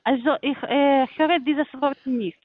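A woman with a non-native German accent, working as a call center agent, speaking haltingly with many fillers. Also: high voice, no echo. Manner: halting, hesitant, many fillers and repeated words. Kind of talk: phone sales call. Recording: tinny phone line.

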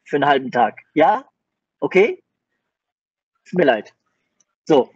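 Husky-voiced man placating a caller. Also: fairly high pitch, big pitch swings, unhurried, a little mellow, dry recording, dull audio. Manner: placating, keeps repeating her name. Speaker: boss taking over the call.

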